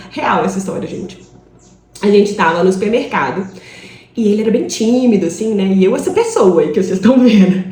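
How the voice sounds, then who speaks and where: A woman's voice: mid-range voice, a little mellow, echoey room, a little hiss or hum. A woman in her thirties with a Brazilian Portuguese accent, an English teacher giving a live online class in a chatty storytelling way, often asking "right?". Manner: chatty storytelling, frequent tag questions.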